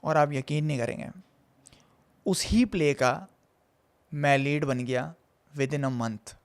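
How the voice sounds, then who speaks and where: Male host, lively casual storyteller, voice a little high. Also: slow pace. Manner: animated, mixes Urdu with English phrases. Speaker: host and theatre actor.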